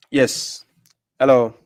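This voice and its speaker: A man's voice: mid-range voice, creaky, fairly bright tone. Man, call-in show host, religious debate, insistent questioning, frequent interruptions. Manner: pressing, interrupts the caller with repeated questions. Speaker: live-stream call-in host. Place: Europe.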